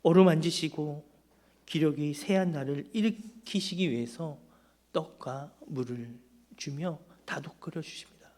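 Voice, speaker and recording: A man with a slightly high voice preaches at a Friday night church prayer meeting. His delivery is fervent. He often falls to a low, breathy near-whisper for tender passages. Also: a little slow, a little mellow. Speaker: pastor.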